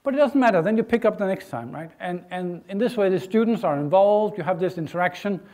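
Man lecturing, halting. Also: high-pitched, animated, darkish tone. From Denmark. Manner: hesitant, many fillers and restarts, informal. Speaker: guest lecturer. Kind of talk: university lecture. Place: lecture hall, indoors.

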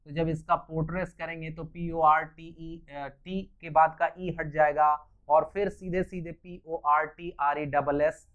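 A man's voice: fairly high pitch, little pitch movement, unhurried, hardly any pauses, a bit bright, clean tone. A male English teacher lectures a class. He spells words out letter by letter and explains each point patiently. The recording sounds slightly dull and lo-fi.

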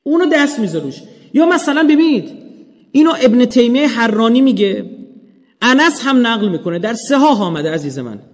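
An Iranian man giving an animated religious lecture, swinging from loud emphatic points to hushed, low asides and acting out quoted speech. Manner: acts out quoted speech in storytelling. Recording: long hall reverb.

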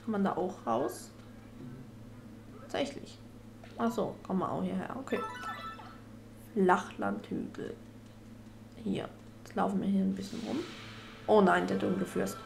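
A woman hosting a casual let's-play, chatty with quiet asides and mock-dramatic dismay. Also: medium pitch, unhurried, vocal fry, pauses often, faint music behind. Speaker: gaming video host.

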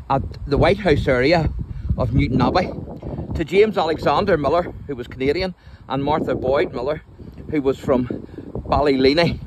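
Man narrating a cemetery walk. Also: fairly high pitch. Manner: informative, storytelling, explains terms as he goes. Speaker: host of a church history video series. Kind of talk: walking tour narration. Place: outdoors in a large cemetery. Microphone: phone camera held while walking. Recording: wind and outdoor noise.

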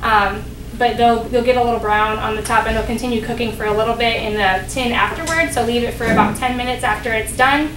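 A woman's voice: a little high, fairly even intonation, a little fast, recorded from a distance. Young woman explaining a recipe from across a roomy kitchen. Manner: friendly, explanatory, many ums and uhs. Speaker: dietetic intern doing a cooking demo. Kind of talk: cooking demonstration. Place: large demonstration kitchen, indoors. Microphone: distant camera mic. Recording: roomy kitchen sound from afar, background noise.

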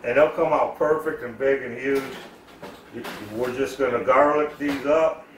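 A man's voice: mid-range voice, steady tone, moderate pace, a little hiss or hum. Guy cussing thru a long rambly story while cooking, echoey kitchen, kinda far from the mic. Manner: profane, rambling, loud storyteller. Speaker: cooking vlogger.

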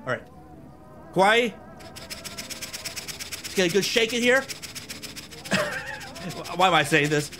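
A man streaming a game live, chatting excitably with viewers and laughing often. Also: sits high, drawn-out words, pauses often, a little hiss or hum.

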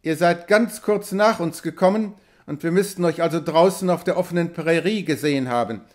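A man voicing a cold, sharp-eyed frontier hero who speaks in a stern, curt tone. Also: on the high side, brisk, close to an everyday voice.

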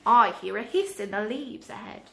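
A woman voicing a big, hungry male monster from a children's story, loud and slow. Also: fairly high pitch, expressive, vocal fry, slight background noise, heavily acted. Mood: booming. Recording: echoey room.

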